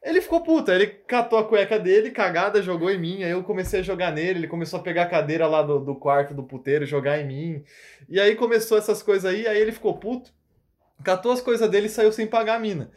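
A man's voice: sits high, fast talker. A man retelling a tabletop game session in slangy casual chat, laughing as he goes.

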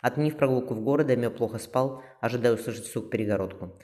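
A man narrating an audiobook in an even reading voice, with small slips. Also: mid-range voice, quick pace, in a large hall. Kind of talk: scripted narration.

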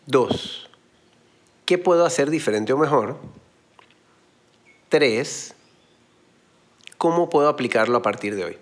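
A man gives a motivational talk in a husky, slightly rough voice. His pitch swings widely and keeps the delivery lively. He explains his points through everyday analogies and blunt slang. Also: slow, long pauses. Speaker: motivational speaker.

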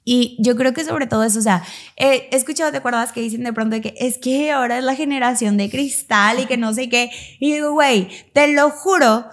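A young woman, sharing her thoughts in a casual podcast chat, with quick slangy asides. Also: on the high side. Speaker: podcast co-host.

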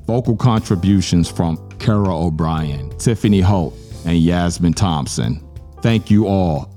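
A man's voice: deep voice, mellow. A man from Virginia hosting a podcast, talking casually and earnestly about his album with plenty of filler sounds. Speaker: podcast host and music producer.

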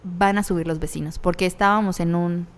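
A woman's voice: lowish voice, steady tone, fairly quick, big-room sound. A young adult woman with a Mexican accent, co-hosting a podcast and telling a personal story in candid, slangy, casual talk, often laughing as she speaks. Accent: Mexican Spanish. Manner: candid, laughs through hard memories, slangy.

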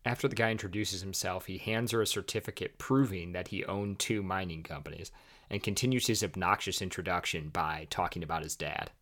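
A man's voice: low voice, fairly quick, a bit bright. A man hosting a podcast, casually telling a history story with chatty, wry asides. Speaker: podcast host.

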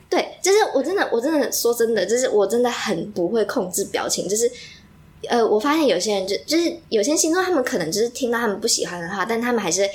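A young woman, chatting casually and telling animated stories full of fillers. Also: on the high side, fast talker. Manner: animated storyteller, heavy use of fillers. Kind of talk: casual chat.

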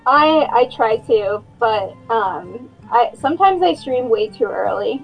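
A woman's voice: fairly high pitch, expressive, a little slow, breathy edge, lo-fi sound, faint music behind. A woman streamer guesting on a podcast, talking casually and hesitantly with lots of fillers. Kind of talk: casual chat.

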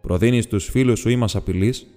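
A man reading the part of a stern, suspicious male bowman leader in an audiobook, speaking in a blunt, gruff way. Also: lowish voice, warm tone, lightly acted. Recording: long reverb with faint music.

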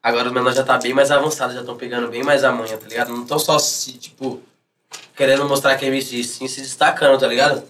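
A man's voice: mid-range voice, flat delivery, fast talker, a bit bright, recorded from a distance, slight background noise. A man with a São Paulo accent chatting casually as an interview guest, in heavy street slang, often acting out imagined reactions. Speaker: music artist, interview guest. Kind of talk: casual chat.

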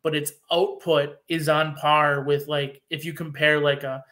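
A man's voice: fairly high pitch, little pitch movement, unhurried, bright, forceful tone. A man from Wisconsin, a guest on a casual podcast chat, explaining things in earnest detail with many restarts.

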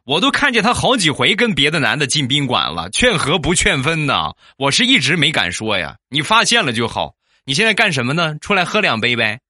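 A man telling funny stories about married life, acting out the quoted people in sudden high bursts. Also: pushed and bright, no echo, clean studio sound. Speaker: joke-telling host. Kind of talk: comic storytelling.

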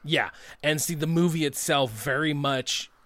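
A young adult man co-hosting a casual podcast chat, animated and swearing, with loud bursts of laughter. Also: a little high, a little slow, no echo. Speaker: podcast co-host.

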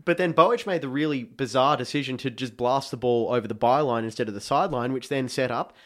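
A man, chatting casually about football and retelling a match with animated excitement. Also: medium pitch, quick pace.

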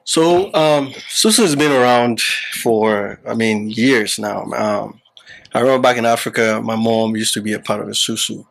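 A man who partly grew up in Ghana, an app founder appearing as a podcast guest, explains things casually in an interview, with lots of fillers and restarts. His voice is lowish and creaky at a normal speed, and the audio quality is poor.

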